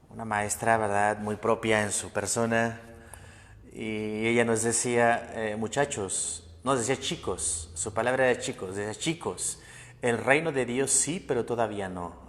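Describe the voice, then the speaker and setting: A man's voice: medium pitch, in a large hall. A man giving a sermon, emphatic, repeating key phrases and often adding a questioning tag. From Mexico. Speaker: priest. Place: parish church.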